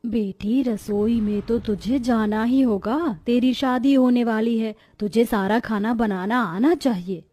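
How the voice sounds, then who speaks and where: A woman voicing the worried mother of a young bride in a cartoon, gently scolding her daughter. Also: fairly high pitch, unhurried, hardly any pauses.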